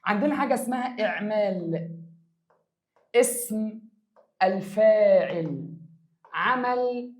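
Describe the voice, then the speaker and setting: A man with a high voice leads an exam review of grammar for secondary students, speaking slowly with long pauses. His Egyptian Arabic accent comes through as he stretches words for emphasis, answers his own questions, and calls the students "my dears" in a lively manner.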